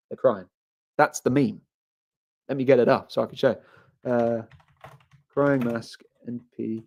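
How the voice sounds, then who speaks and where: A man hosting a live stream, rambling through casual commentary and reading viewer comments aloud, often repeating himself. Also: mid-range voice. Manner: rambling, repeats phrases, frequent restarts. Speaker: livestream host.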